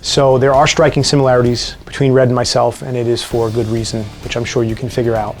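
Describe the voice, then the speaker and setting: A man with a New York accent answering viewer questions in a casual vlog, relaxed and wry with dry jokes. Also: medium pitch, fast talker, faint music behind.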